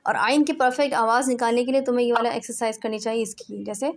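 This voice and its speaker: A woman's voice: fairly high pitch, steady tone, a little hiss or hum. Patient woman teaching throat sounds. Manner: patient, explains step by step and demonstrates throat sounds. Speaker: Quran pronunciation teacher. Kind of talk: informal home lesson on letter sounds. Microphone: home recording, phone.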